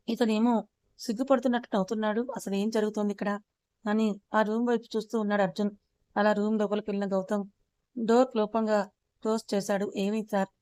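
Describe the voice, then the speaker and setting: A woman storyteller giving a calm, even, scripted narration of an audio story. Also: medium pitch, clear, resonant tone, no room sound.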